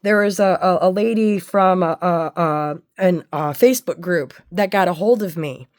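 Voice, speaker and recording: A woman with a slightly low-pitched voice tells a personal story straight to the listener. She speaks candidly and bluntly, swearing freely. Her delivery is halting, with stops to find the next word.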